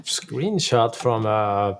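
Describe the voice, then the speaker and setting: Man, gravelly voice, co-host, casual chat, halting, faint background hiss. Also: on the low side, expressive. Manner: halting, repeats words, dry asides. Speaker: co-host and instructor.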